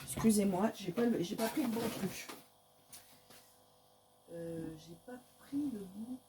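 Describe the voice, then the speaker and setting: A woman's voice: mid-range voice, slow, background noise. A woman, casually showing her month's coloring pages in a chatty, hesitant way with many fillers. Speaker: crafting vlogger. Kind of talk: casual show-and-tell of coloring books.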